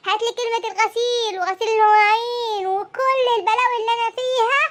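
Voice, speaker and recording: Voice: very high voice, fairly even intonation, fast, a bit bright, slight background noise. A performer voicing a fed-up young mother of three in a cartoon, with an Egyptian accent, ranting and whining about her chores. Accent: Egyptian Arabic. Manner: exasperated ranting, whiny. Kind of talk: cartoon comedy voice acting.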